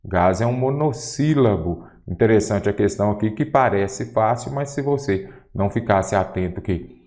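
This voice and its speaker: A man's voice: fairly low pitch, normal speed, a little mellow. A Brazilian man teaching Portuguese in an online exam-prep lesson, posing questions and answering them himself. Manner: didactic, asks and answers his own questions.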